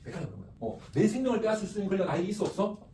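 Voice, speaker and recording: A man teaching an ethics class, lively, repeating phrases and quizzing his students. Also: sits high, rapid-fire. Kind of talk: classroom lecture with questions to students. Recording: echoey room, distant mic, faint noise.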